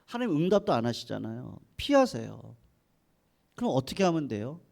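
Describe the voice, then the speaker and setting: A man's voice: medium pitch, very animated, normal speed, creaky, darkish tone. A middle-aged man preaching a sermon as pastor in a church, pleading and rising in fervor as he acts out a plea to God. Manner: preaching with rising fervor, acting out Job's pleas. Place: church sanctuary.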